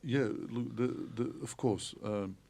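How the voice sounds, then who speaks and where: Podcast guest: man from Turkey, theologian, gravelly mellow voice, measured explainer. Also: medium pitch. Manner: measured, explanatory, frequent hesitations. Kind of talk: podcast interview.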